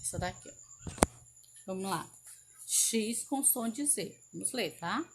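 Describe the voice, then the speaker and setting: A woman teacher slowly reading out sentences and word lists in a spelling lesson, stretching each word with care. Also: medium pitch, lively intonation. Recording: audible background noise.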